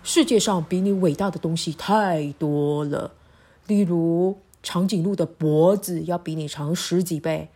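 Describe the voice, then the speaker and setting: A woman voicing a big friendly male dog in a children's story, talking loudly with barks mixed in. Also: fairly low pitch, measured pace, slightly rough, voice pushed down. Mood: earnest. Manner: loud, barking.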